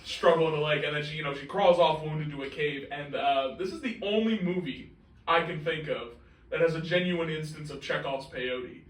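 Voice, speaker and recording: A man with a slightly high voice talks casually about films as a co-host. He swears freely and leans on filler words. He sounds distant in an echoey room with faint noise. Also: normal speed. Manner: profane, filler-heavy with frequent "like". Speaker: podcast co-host. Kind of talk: casual movie chat.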